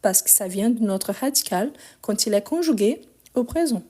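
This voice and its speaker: A woman's voice: medium pitch, animated, normal speed, dark tone. A woman teaching a live online grammar lesson, patiently explaining step by step and spelling out endings letter by letter, her voice a bit weak, recorded on a phone. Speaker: French teacher.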